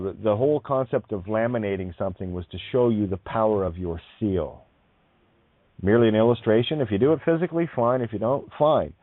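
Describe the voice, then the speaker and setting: Guy with a really deep voice hosting an online show, lots of uhs, sounds like he's on a phone line. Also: no room sound. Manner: halting, many fillers, chuckles often. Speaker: online radio show host. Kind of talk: casual talk show, reading listener emails. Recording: tinny phone-like line, dry.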